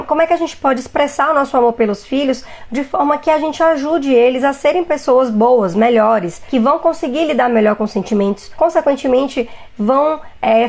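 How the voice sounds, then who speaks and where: A woman's voice: high voice, creaky. A Brazilian woman pediatrician in her thirties giving parenting advice on a live stream, explaining patiently and speaking to viewers directly. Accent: Brazilian Portuguese. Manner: warm explanatory advice, addresses viewers as "gente".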